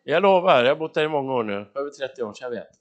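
A male pastor preaching an animated sermon, acting out dialogues with sudden loud bursts and frequent hallelujahs. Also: medium pitch, lo-fi sound. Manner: exclaims hallelujah often. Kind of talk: lively sermon.

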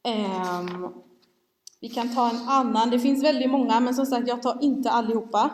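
A woman's voice: medium pitch, darkish tone. A woman preaching a sermon, candid and self-mocking as she tells a family story. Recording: long hall reverb.

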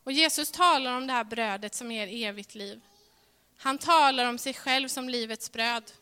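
A woman gives a sermon in a church, her voice bright and raised in pitch. She is earnest, pressing some phrases out loudly and sinking others to a near-hush. The hall lets every word ring on. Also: smooth. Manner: earnest, swings between ringing emphasis and hushed softness. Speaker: preacher. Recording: reverberant hall sound.

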